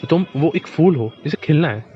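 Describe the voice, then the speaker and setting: A man's voice: a little high, lively intonation, brisk, slight background noise. Man giving casual advice, dull lo-fi sound. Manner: direct, repeats points, addresses the listener as a friend. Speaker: motivational speaker. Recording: dull lo-fi recording.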